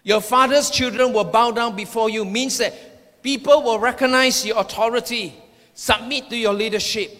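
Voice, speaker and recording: His voice is very high-pitched, bright, and forceful, with fairly even intonation and a moderate pace. Preaching in a hall with long reverb, this man gives personal prophetic words to the congregation, emphatically declaring points and repeating phrases.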